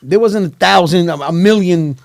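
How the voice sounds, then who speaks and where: A man's voice: sits high, normal speed, gravelly, no room sound, clean studio sound. A man with a New York City accent chatting casually in profane street slang, often repeating himself. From Queens and Brooklyn, New York. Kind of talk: casual chat.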